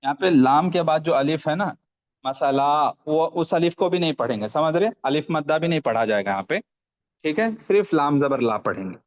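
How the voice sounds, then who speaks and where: A man's voice: fairly high pitch, animated, muffled recording. A man teaching Quran reading online. He spells out letters and vowel marks syllable by syllable and adds short explanations of the rules. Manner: slow syllable-by-syllable drilling with brief explanations.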